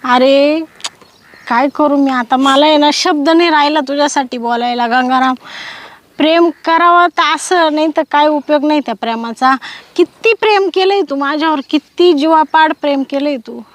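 A woman's voice: sits high, moderate pace, no room sound, lightly acted. An actress playing a married village woman tenderly scolding and consoling her heartbroken former lover in a Marathi comedy sketch. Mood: moved.

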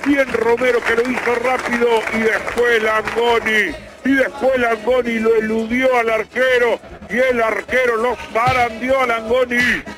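A man's voice: very high voice, level tone, a little slow, rough recording. A man calling a football match play-by-play, repeating his calls with fervent, theatrical energy. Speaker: play-by-play radio commentator.

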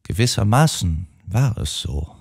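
A man's voice: low-pitched, sing-song, measured pace, creaky, darkish tone, breathy edge, heavily acted. A man voicing an earnest elderly spinster sister in an audiobook. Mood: firm. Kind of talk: audiobook character voice.

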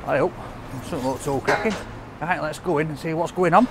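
Yorkshire man, jokey food vlogger, slightly high voice, out on a noisy street. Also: fast. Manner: chatty, jokey, cheerful banter. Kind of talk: casual vlog chat. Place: outdoors on a city street. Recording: street noise behind. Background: traffic and scaffolding work.

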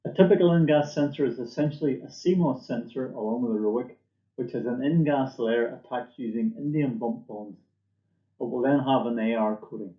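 This is a middle-aged man at a desk indoors, presenting a product from a script on behalf of his company, at a moderate pace and in a mid-range voice. Captured by webcam in an indoor room, the sound is muffled and dull, with room echo.

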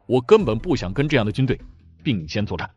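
A man voicing a cold, scornful Chinese army commander who lectures in a stern, even tone. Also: medium pitch, fast talker, slightly rough, muffled recording.

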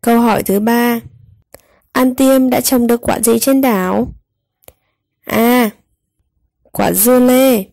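A woman narrating a scripted storybook tale for young children, enunciating clearly as a storyteller. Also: a little high, fairly even intonation, slow pace, pauses often, darkish tone, no echo.

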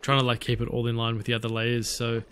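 A man's voice: medium pitch, completely flat delivery, fast, fairly bright tone, slight background noise. A man giving casual, rambling commentary on his own gameplay, thinking aloud and restarting his sentences often. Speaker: gaming channel host. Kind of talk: casual let's-play commentary.

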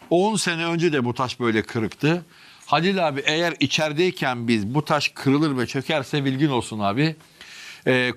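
A history vlogger guides a tour through the stone passages under an old city, speaking in a mid-range, slightly bright voice. He narrates with dramatic flair, addressing viewers and crew directly, and the chamber makes his voice echo.

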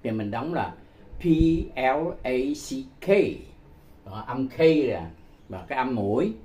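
A man walks listeners through a casual language lesson at an unhurried, deliberate pace. His voice sits at an ordinary middle pitch for a man. He says each phrase over and over with patient care and chuckles often between them. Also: expressive, a little mellow. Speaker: English teacher.

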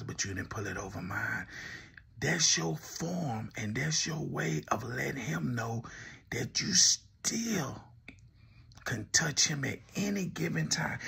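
Raspy, slow-talking man roasting someone. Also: medium pitch, bright, forceful tone. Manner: teasing, laughs often, addresses the subject directly. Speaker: commentary host. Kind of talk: mocking commentary speaking to the camera.

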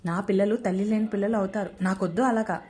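A woman voicing a sharp-tongued middle-aged mother-in-law who scolds loudly and taunts. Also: mid-range voice, fairly even intonation, quick pace, close to an everyday voice. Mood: scolding. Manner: loud and taunting.

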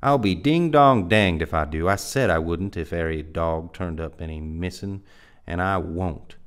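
Gruff, stubborn backwoods trail man with a low voice and folksy drawl, read by a man. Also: unhurried. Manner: folksy backwoods drawl, hot-tempered outbursts. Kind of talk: dramatic reading.

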